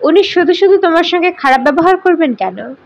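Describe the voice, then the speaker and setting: A woman's voice: very high voice, animated, a little fast, lo-fi sound, voice pushed up. A woman reading an audiobook, voicing a young woman who keeps questioning her older sister in a persistent, probing way.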